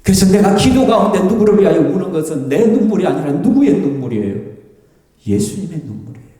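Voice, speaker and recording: A man preaching as a pastor, lively and animated, acting out tearful prayers and grumbling complaints to make his point. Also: sits high, fast talker. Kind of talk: sermon. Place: church sanctuary. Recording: echoey church hall, voice from far off the mic.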